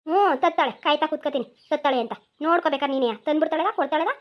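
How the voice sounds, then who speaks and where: A scheming cartoon village mother-in-law, as a woman voices her, nagging and repeating herself in a rural Mysore-region accent. She speaks high and rapid-fire. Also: fairly even intonation, highs cut off, lightly acted. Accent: rural Mysore-region Kannada. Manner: nagging, insistent, repetitive.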